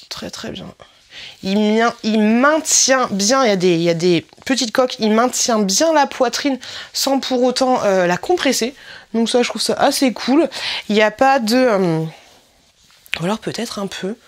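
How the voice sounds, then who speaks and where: A woman, chatting casually in a try-on vlog, often correcting herself and filling pauses. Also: a little high. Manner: chatty, self-correcting, many fillers. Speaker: vlogger reviewing swimsuits.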